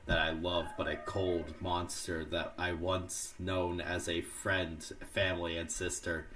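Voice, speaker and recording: A man reading the lines of a bitter young woman who disowns her sister, slow and quiet. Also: low-pitched, level tone, distant mic, pitched below the performer's own voice. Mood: cold.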